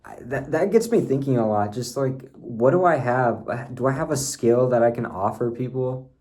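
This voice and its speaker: A man's voice: mid-range voice, moderate pace, darkish tone. A young man rambles into his camera at home, telling a story in loose, slangy chat. He swears casually and drifts from one thought to the next. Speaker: vlogger. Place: at home, bathroom nearby.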